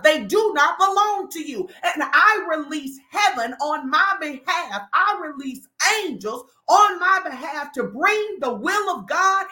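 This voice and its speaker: In a church hall with echoey acoustics, a woman preaches a fervent sermon in an extremely high, bright, forceful voice. She declares and commands, leading her congregation in call-and-response.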